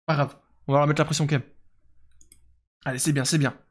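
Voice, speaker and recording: A young man streams a football management game, casually chatting as he plays. His voice is a little high and husky, moving a little fast with little pitch movement. He reads and answers his viewers' chat with lots of fillers.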